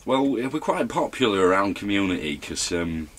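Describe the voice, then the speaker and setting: A dim, boastful young lout rambles and mumbles through his answers, played by a man. His voice sits very low and deep. It is an improvised comedy interview, full of fillers and rough, offhand talk. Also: very animated, moderate pace, fairly bright tone, a little hiss or hum. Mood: rambling. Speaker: interview guest.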